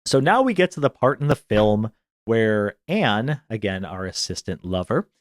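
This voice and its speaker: A man's voice: lowish voice, very animated, normal speed, no echo. A man co-hosting a podcast, recapping a film in casual chat and laughing often as he tells the story. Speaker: podcast co-host.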